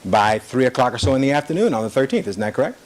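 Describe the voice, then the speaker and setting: A man's voice: medium pitch, sing-song, rapid-fire. Male attorney, courtroom recording: mid-range voice, insistent, repeats leading questions. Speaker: attorney cross-examining. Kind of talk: courtroom cross-examination.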